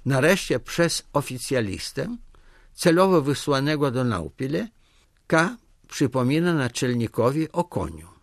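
A man narrating a story in a measured, expressive reading. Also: medium pitch, no echo, clean studio sound.

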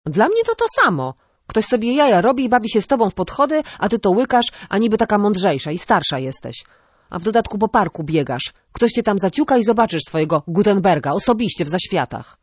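A woman's voice: fairly low pitch, lively intonation, a little fast, darkish tone, slightly rough, no room sound, clean studio sound. A woman reading aloud and voicing a sensible, exasperated woman who scolds her younger cousin with sarcasm in an audiobook. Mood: sarcastic.

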